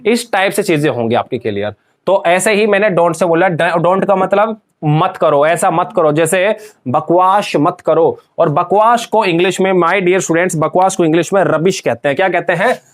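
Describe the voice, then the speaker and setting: A man with a notably high voice leads an English grammar lesson for students. He drills them as he goes, asking a question and answering it again and again. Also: normal speed.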